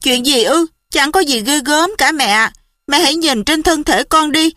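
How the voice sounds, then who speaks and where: A plucky storybook dog brags about her ordeal in a bright, lifted voice, as a woman reading the book puts her on. The telling is mock-heroic and boastful. It sounds close and dry. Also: sits high, moderate pace, no echo, voice pushed up. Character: brave, jokey female pet dog narrator. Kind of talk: audiobook character voice.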